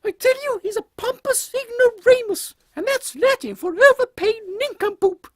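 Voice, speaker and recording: An extremely high, dry-sounding voice carries a pompous queen. She scolds in haughty, old-fashioned formal phrases, as comic audio drama, full of indignant authority. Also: animated, moderate pace, no echo.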